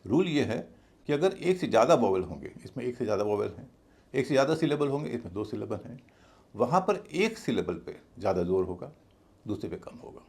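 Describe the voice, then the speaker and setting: A man's voice: medium pitch, big pitch swings, fairly quick, darkish tone. A man teaching an English pronunciation lesson, patiently spelling words out letter by letter. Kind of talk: spoken lesson explaining pronunciation.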